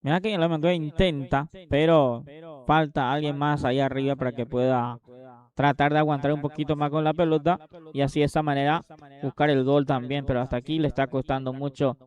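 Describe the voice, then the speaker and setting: A man's voice: a little high, fairly even intonation, a little fast, darkish tone. A man with a Paraguayan accent giving live match analysis as a football co-commentator.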